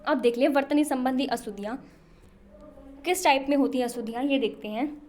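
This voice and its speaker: A woman's voice: high-pitched, a little fast, a little mellow, slight background noise. A young woman teaching a Hindi spelling lesson for exam preparation, asking questions and answering them herself. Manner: repetitive questioning, answers her own questions.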